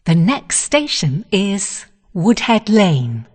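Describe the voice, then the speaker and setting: A female onboard announcer delivers pre-recorded passenger information at a slow pace. Her intonation rises and falls widely. The recording rings with long reverb. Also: mid-range voice, sing-song, darkish tone, breathy edge. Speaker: automated onboard train announcer. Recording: long reverberant hall echo.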